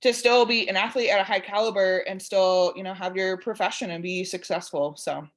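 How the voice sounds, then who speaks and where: A woman's voice: medium pitch, steady tone, fairly quick. A woman with a West Texas twang, talking in a chatty, enthusiastic and informal way as a guest in a casual interview. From West Texas, United States. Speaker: podcast guest, dietitian and rodeo athlete.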